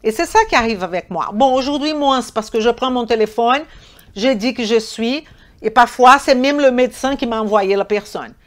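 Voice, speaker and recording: Running a live online nutrition class, a foreign-accented woman trainer fields chat questions head-on. She speaks with emphasis at a moderate pace, often repeating and correcting herself, in a voice on the high side.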